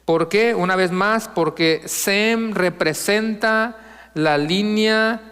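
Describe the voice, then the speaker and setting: A male pastor preaching a sermon, posing questions to the congregation and reading scripture slowly and with emphasis. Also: high voice, fairly bright tone, smooth, long reverb tail. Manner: asks the congregation questions and answers them.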